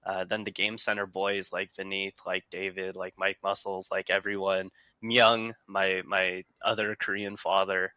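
A man in casual chat, speaking earnestly and haltingly. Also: deep voice, little pitch movement, sharp tone, no echo, dull audio. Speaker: guest player.

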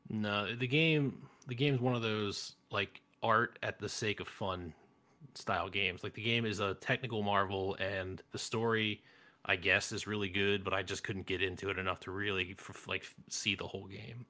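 Blunt man in his thirties, lowish voice. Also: steady tone, moderate pace, bright, forceful tone. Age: 30s. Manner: blunt, opinionated, rambling with restarts. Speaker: podcast host. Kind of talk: casual gaming chat.

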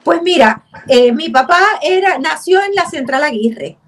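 An actress from Puerto Rico in her seventies recalls family history as an interview guest over a video call, speaking with a Puerto Rican accent at an easy pace. Her high voice is expressive and unhurried, and crowd noise is audible.

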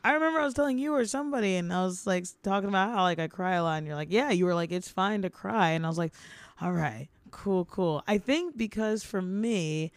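A woman's voice: medium pitch, fairly quick, no echo. A young adult woman co-hosting a casual podcast, telling stories and acting out her own quotes with laughter. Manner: animated storytelling, acts out quotes, laughs. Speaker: podcast co-host. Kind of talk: casual chat.

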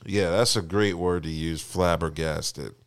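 A young adult man co-hosting a podcast in casual chat, telling stories in an animated, profane way. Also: low-pitched, measured pace, clear, resonant tone, no room sound, clean studio sound. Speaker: podcast co-host.

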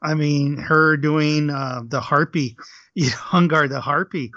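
A man's voice: fairly high pitch, steady tone, measured pace, pushed and bright, dry recording. Chatty man on a dull lo-fi line. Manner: chatty, laughs often, full of fillers. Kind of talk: casual podcast chat. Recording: dull lo-fi dry sound.

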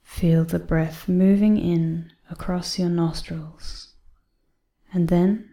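A woman reading a guided breathing exercise in a soft, calm voice that often drops to a half-whisper. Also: fairly low pitch, roomy sound. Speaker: meditation guide.

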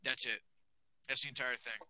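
A teenage guy hosts a loose podcast chat with his friends, recorded on a phone. His voice is very bright and ringing, and he talks in rambling bursts full of "like" and false starts. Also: mid-range voice, steady tone, normal speed, no echo, rough recording. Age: teens. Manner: rambling, many fillers. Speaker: podcast host. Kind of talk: casual chat.

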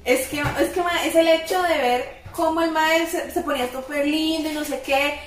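A young Costa Rican woman co-hosting a casual chat, animated and slangy, acting out quotes. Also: sits high, moderate pace. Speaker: podcast co-host. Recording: echoey room, mic at a distance.

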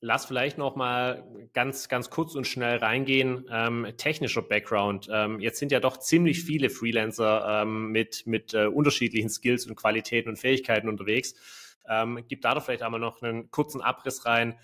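A man's voice: medium pitch, fairly even intonation, normal speed, a bit bright. A man hosting an interview podcast, asking long rambling questions full of fillers. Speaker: podcast host.

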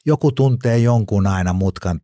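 A man's voice: lowish voice, mellow, dry recording, clean studio sound. A middle-aged man, a former criminal, telling his stories as an interview guest in blunt, colloquial speech with free swearing. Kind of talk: casual interview storytelling.

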